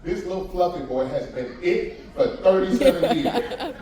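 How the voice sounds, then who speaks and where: A man voicing a stern mother who scolds low and firm, heard in an echoey room from a distance with an audience. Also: big pitch swings, moderate pace, mellow. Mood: scolding.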